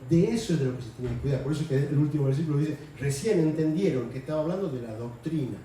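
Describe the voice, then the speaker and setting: A man's voice: fairly high pitch, fast talker, warm tone, a little hiss or hum. A man preaching a sermon in a conversational way, raising his voice to act out quotes. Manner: conversational, acts out quotes in a raised voice. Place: church hall. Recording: echoey hall, mic far off.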